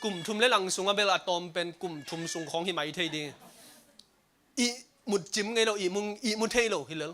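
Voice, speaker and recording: A man preaching a sermon at a church service streamed online, talking in an animated way and laughing now and then. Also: high voice, brisk.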